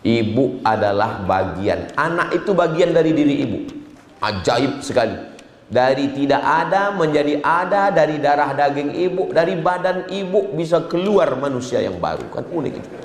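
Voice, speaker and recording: A man's voice: on the high side, expressive, normal speed. A man preaching a humorous sermon, telling jokes and acting out dialogues to an audience. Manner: joking storyteller who acts out dialogues. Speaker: Islamic preacher. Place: large hall with an audience. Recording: echoey hall, faint background noise.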